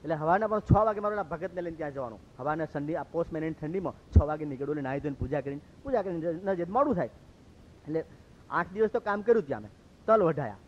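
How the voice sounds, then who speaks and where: A man from Gujarat, a monk telling stories in a lively sermon and acting out what others said. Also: fairly high pitch, fast talker, slight background noise. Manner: lively, acts out quoted speech. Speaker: monk preacher. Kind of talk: storytelling sermon. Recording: dull lo-fi recording.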